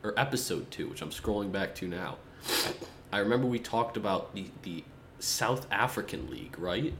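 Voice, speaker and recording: Low-voiced guy hyping up his cohost, joking around on a video call podcast, faint hiss. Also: moderate pace. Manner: excitable, teasing, calls his co-host by name often. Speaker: podcast co-host. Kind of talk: casual chat.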